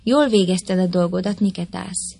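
A solemn, calm chieftain read by a woman. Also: lowish voice, vocal fry, breathy edge. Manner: measured and solemn. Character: stern, calm male chieftain of a tribe. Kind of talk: audiobook reading of a historical tale.

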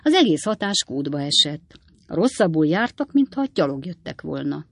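Casting: woman narrator, lowish voice, dry close studio sound, measured storytelling. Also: sing-song, dry recording. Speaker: audiobook narrator. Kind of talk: scripted narration of a classic novel.

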